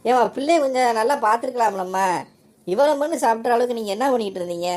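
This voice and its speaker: A woman voicing a hospital doctor in a cartoon, calmly and patiently explaining to a mother. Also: on the high side, quick pace, lightly acted.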